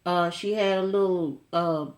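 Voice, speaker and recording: A woman's voice: on the low side, steady tone, measured pace. A middle-aged woman chatting casually to camera at home, folksy and teasing, with frequent asides to her viewers. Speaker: vlogger.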